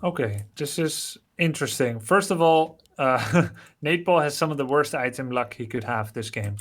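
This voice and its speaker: A man giving animated live color commentary on a strategy game, with quick questions and laughing asides. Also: mid-range voice. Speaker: esports caster.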